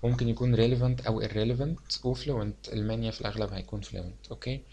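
A young man with an Egyptian Arabic accent giving an exam revision lecture, explaining calmly and mixing English medical terms into his Arabic. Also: mid-range voice, fast, dull audio, slight background noise.

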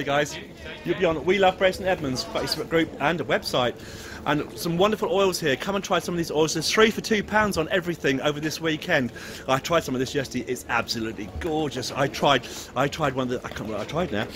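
With a fairly high-pitched voice, an English man films a casual walking vlog at a bustling Christmas market, chatting jokily with stall holders and chuckling. The handheld gimbal camera picks up the busy market's crowd chatter.

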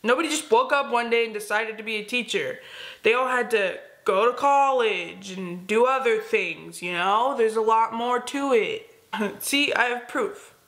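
A woman's voice: fairly high pitch, a little slow, a bit bright. A teenage girl hosting a school video with sarcastic, teasing scripted narration. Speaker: student video host. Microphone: close camera, plain wall.

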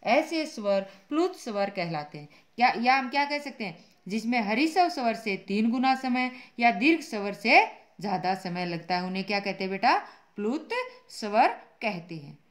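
A woman's voice: on the high side, animated, normal speed. A woman teaching a Hindi grammar class online, who asks her students questions and answers them herself, calling them "beta" and repeating each point patiently. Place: school classroom.

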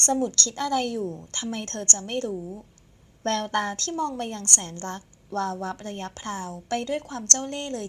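A woman narrating a romance audio novel in a soft, measured way. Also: medium pitch. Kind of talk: scripted narration.

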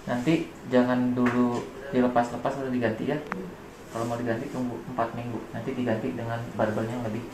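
A man's voice: mid-range voice, completely flat delivery, brisk, recorded from a distance. Masked man giving piercing aftercare tips. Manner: matter-of-fact, instructive. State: talking through a face mask. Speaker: body piercer. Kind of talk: aftercare advice during a live-streamed piercing. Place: indoor piercing studio. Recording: echoey room with background noise.

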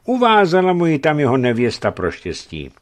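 A tall, red-bearded merchant banters boldly with a raised, lively voice, as a man reading a novel aloud plays him. He jokes as he speaks. It is a radio storybook reading. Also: fairly high pitch, pitched above the performer's own voice. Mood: bantering. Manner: joking, bold.

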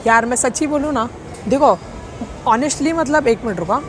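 A man's voice: extremely high pitch, animated, moderate pace, fairly bright tone, soft background music. A young man vlogging casually from a public cafe, rambling, joking and correcting himself as he goes, talking into a handheld camera. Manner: rambling, jokey, self-correcting. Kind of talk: casual vlog talk.

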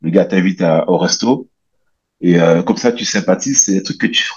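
A relaxed, rambling guest, this bodybuilder and coach from French Guiana, in his thirties, keeps a moderate pace in a casual interview chat, with frequent fillers and restarts. He uses a headset on a video call from a small room at home, his voice low and slightly husky, and the call audio sounds a little dull.

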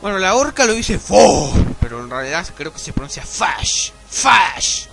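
A young man with an Argentine accent narrating his gameplay in a casual, profane stream of talk, his voice set a bit high for a man. He yelps and shouts at the game as he plays, with game music clearly running behind him. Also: big pitch swings, a little fast, poor audio. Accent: Argentine Spanish. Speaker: let's play gamer.

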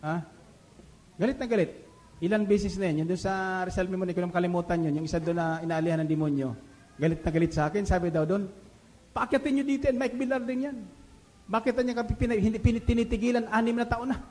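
High-voiced man preaching on the radio. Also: quick pace. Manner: animated, rhetorical, often asks the crowd "di ba?"; mixes English phrases into his preaching. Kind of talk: radio sermon. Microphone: studio microphone.

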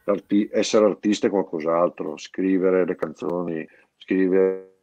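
A man's voice: deep voice, fairly even intonation, unhurried, dark tone, dry recording, muffled recording. A middle-aged man with a Brescian Italian accent, talking casually as an interview guest, rambling and restarting his sentences often. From Brescia area, northern Italy. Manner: rambling, many restarts and repeated words. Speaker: guest, founder of an artists' collective.

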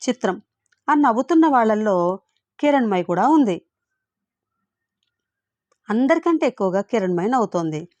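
Woman narrator, expressive dramatic audiobook reading, dry close sound. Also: medium pitch, no room sound. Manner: expressive, voicing the hero's anxious inner thoughts.

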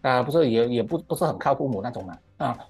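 The voice is medium-pitched, fast and animated, darkish in tone and slightly rough. It belongs to a middle-aged man with a Malaysian Mandarin accent who rants emphatically about current affairs, lengthening "ah" particles and mixing in English. It's an opinionated monologue commentary.

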